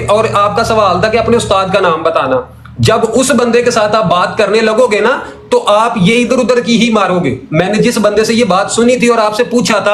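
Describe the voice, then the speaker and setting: High-voiced man arguing on a call. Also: fairly bright tone. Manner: argumentative, numbers and repeats his points. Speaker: caller in a religious debate. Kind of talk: heated call-in argument. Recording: echoey room sound.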